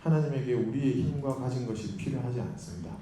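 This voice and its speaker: A male retreat lecturer with a very dark, mellow voice, preaching in a chatty way and often turning to his listeners with quick questions. His voice rings through a large, echoey hall. A faint room hum sits underneath. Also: mid-range voice. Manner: chatty, questions the audience, acts out quotes. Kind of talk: conversational sermon lecture.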